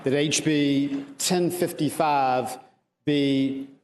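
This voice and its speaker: A man's voice: a little high, steady tone, drawn-out words. A man presiding over a legislative session, calling out business in formal parliamentary procedure. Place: large indoor legislative chamber. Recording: echoey chamber, long reverb, background noise.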